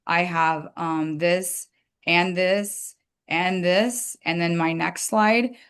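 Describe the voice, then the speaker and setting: A woman with a slightly low voice gives a dental hygiene webinar from her slides. She talks in a relaxed, chatty way, with fillers and quick apologies when she trips up. She sounds like she is on a computer microphone on a video call. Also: smooth. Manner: casual, chatty, apologetic asides.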